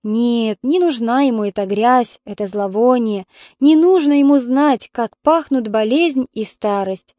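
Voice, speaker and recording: A woman narrating an audiobook in a measured, somber way. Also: on the high side, warm tone, dry recording, studio quality. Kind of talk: scripted narration.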